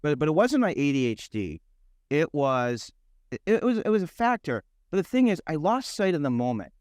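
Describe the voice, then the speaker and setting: A middle-aged man hosting a podcast, telling a personal story in a rambling, animated way with many restarts. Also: fairly high pitch, moderate pace, no echo, studio quality. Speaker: podcast host. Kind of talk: casual conversation.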